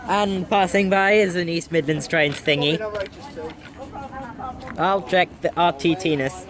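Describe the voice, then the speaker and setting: Higher-pitched man, trainspotting commentary. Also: steady tone, slow pace, crowd noise. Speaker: trainspotting video host. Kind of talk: casual running commentary on passing trains. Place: outdoors on a railway station platform. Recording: outdoor platform noise, passing trains. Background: trains and outdoor ambience.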